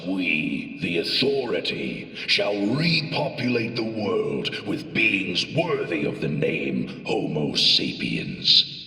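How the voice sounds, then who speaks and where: An actor voicing a pompous, cruel villainous general in a video game, theatrical, sneering and grandiose. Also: male voice, deep voice, sharp tone, reverberant, big-room sound, recorded from a distance, full character voice.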